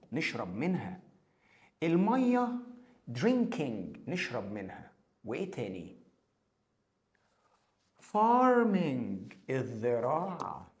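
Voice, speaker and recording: A man with an Egyptian Arabic accent teaching a children's English review lesson. He repeats each English word slowly and then translates it. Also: mid-range voice.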